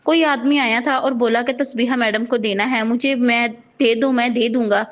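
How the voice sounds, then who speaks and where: A woman's voice: a little high, fairly even intonation, moderate pace, close to an everyday voice. A woman reading the part of a polite, hesitant young male hospital ward boy in a storybook novel. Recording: dull lo-fi recording.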